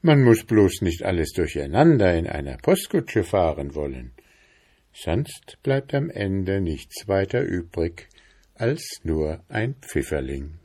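A man reading a children's story aloud, taking his time over every sentence. His narration is expressive, and his pitch rises and falls in lively swings. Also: slow pace, breathy edge. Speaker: story reader.

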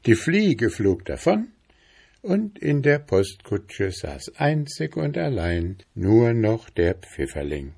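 Slow, expressive male story reader. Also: fairly low pitch, creaky, slightly rough. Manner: expressive, unhurried narration. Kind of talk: storybook reading aloud.

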